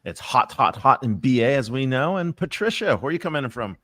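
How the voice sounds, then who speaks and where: A man's voice: mid-range voice, big pitch swings, brisk, bright, forceful tone, no echo. A man co-hosting a talk show over a video call, upbeat and effusive as he introduces guests. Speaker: co-host. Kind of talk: lively show intro chat.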